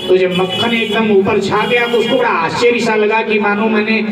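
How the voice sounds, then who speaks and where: A man telling a humorous devotional story at a religious gathering, in slow, measured, folksy narration. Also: high voice, level tone. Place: satsang hall. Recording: echoey hall, distant and dull, with music.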